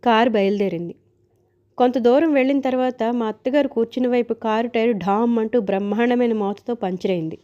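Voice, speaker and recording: A woman narrating a story aloud, wry and chatty in her telling. Her voice sits fairly high and sounds mellow, and the recording is dull and lo-fi. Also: fairly quick.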